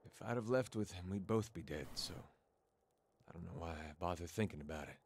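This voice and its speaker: A weary, plain-spoken soldier from a fantasy video game, low-pitched and quietly reflective. His voice sits deep and settled, and a faint ambient hum runs underneath. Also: fairly quick. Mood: somber. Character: weary grown man, a soldier mourning his brother. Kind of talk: video game character dialogue. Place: game audio captured in a gameplay recording.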